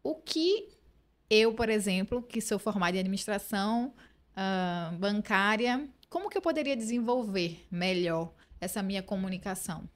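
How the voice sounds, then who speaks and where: A woman's voice: medium pitch, expressive, normal speed. A woman host with a Brazilian Portuguese accent, chatting as she sets up a question for her guest. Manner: conversational, setting up questions. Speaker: interview host. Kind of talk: casual interview questions.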